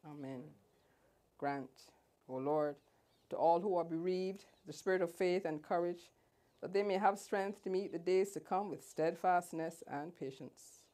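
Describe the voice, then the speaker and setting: A woman minister reciting funeral committal prayers in a solemn, measured way with pauses between phrases. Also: deep voice, dark tone.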